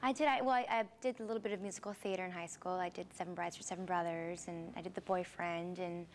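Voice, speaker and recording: Friendly, chatty actress in an interview. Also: female voice, fairly low pitch, steady tone, fast talker, a little hiss or hum. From Philippines, raised in Seattle. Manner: friendly, chatty, with frequent fillers and repeated starts. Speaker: musical theater actress, interview guest. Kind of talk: casual interview answers.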